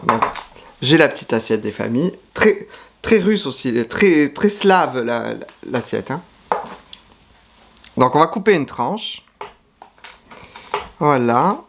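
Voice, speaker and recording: A man's voice: mid-range voice, very animated, takes it slowly, vocal fry, long pauses, fairly bright tone, slight background noise. A man giving casual food-tasting commentary to camera, chatty and frank, sometimes talking while chewing. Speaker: YouTuber tasting foreign food.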